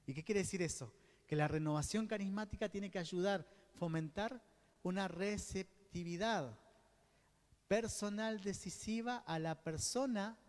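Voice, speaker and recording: An Argentine man leading a religious teaching session in a preacherly style. He keeps checking in with his listeners and answers his own questions. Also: high voice. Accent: Argentine Spanish. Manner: keeps checking in with the group by asking "¿Sí?"; poses questions to the group and answers them himself. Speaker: diocesan coordinator teaching a course. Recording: long hall reverb.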